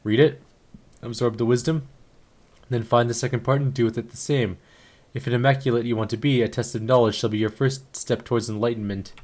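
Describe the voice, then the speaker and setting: A man's voice: mid-range voice, steady tone, brisk, darkish tone, natural voice. A man voicing a zealous male cult priest who talks in pompous, ceremonial phrasing. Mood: solemn.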